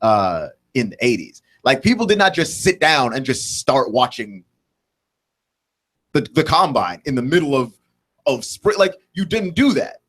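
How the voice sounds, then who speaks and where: A man's voice: medium pitch, big pitch swings, unhurried, fairly bright tone. Twenty-something man rambling on sports radio. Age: 20s. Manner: rambling, thinks aloud with many restarts and "like, right?" tags. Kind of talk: solo sports talk radio monologue.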